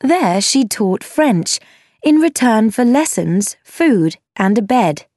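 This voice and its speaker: Woman, audiobook narration, slow, lively intonation, clear delivery. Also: a little high, no echo, studio quality. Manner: slow, clear, expressive storytelling. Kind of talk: scripted narration of a simplified classic novel.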